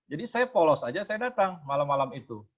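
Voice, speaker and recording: A man giving a testimony at a prayer meeting, telling a story in a lively way and asking his listeners questions. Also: fairly high pitch, quick pace, lo-fi sound. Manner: lively storyteller who asks the audience rhetorical questions.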